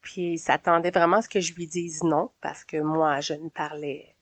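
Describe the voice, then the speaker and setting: A woman in her forties from Quebec with a Québécois accent, telling her story as a podcast guest in a relaxed, hesitant way. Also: low-pitched, moderate pace, dry recording. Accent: Québécois French. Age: 40s. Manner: relaxed, hesitant with frequent "euh". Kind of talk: casual storytelling.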